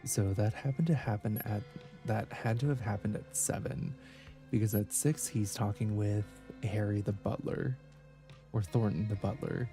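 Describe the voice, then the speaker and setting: A man's voice: lowish voice, fairly even intonation, normal speed, dark tone, soft background music. A man hosting a let's play, thinking aloud and musing over clues in casual gameplay commentary.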